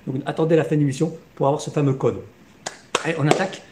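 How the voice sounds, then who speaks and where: A man giving a live infomercial sales pitch as a car dealership presenter, with emphatic hard-sell patter that repeats key figures. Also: steady tone, fast talker, a little mellow. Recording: clear background noise on location.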